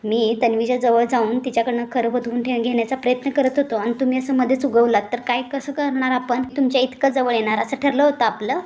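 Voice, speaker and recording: A woman reading the lines of a young husband who calmly reasons with his wife, in a smooth, persuasive way. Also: a little high, a little fast, hardly any pauses, natural voice.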